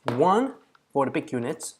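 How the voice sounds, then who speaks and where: A man's voice: mid-range voice, very animated, unhurried, slight background noise. A man hosting a coding challenge, casually thinking aloud as he walks through a problem, counting out digits and correcting himself.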